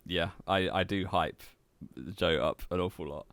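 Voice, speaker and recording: A young man in casual podcast chat, with a low, deep voice recorded close and dry. He is relaxed and teasing and laughs easily between points. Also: unhurried, clean tone, dry recording. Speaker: podcast co-host.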